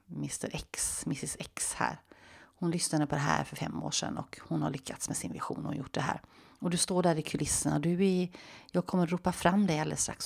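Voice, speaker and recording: A woman with a deep, slightly creaky voice hosts her own coaching podcast. She talks to the listener in a relaxed, conversational way. When she leads the visualization she goes quiet and close, almost a whisper. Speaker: life coach and podcast host. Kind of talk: solo podcast monologue with guided visualization.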